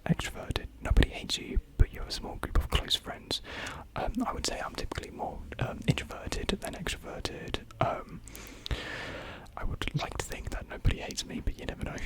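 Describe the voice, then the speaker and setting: Soft, breathy whispering from a young adult sits close to the microphone, moving at a moderate pace. The casual ASMR talk centers on viewer comments, which they answer haltingly, digressively, and with a self-mocking tone.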